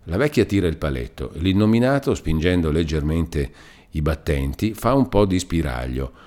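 A man reading a classic novel aloud as an audiobook narrator, measured and expressive. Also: rumbling low.

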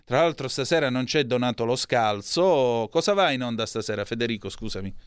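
A man's voice: mid-range voice, lively intonation, fairly quick, clean tone, no echo, studio quality. A man hosting a live radio press review, reading headlines with hesitations, self-corrections and asides. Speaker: radio news host.

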